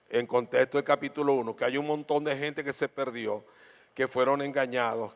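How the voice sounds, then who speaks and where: A man preaching a sermon as pastor, telling stories and tossing questions to the congregation. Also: medium pitch. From Venezuela. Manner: lively storytelling with questions to the congregation. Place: church auditorium. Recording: long hall reverb.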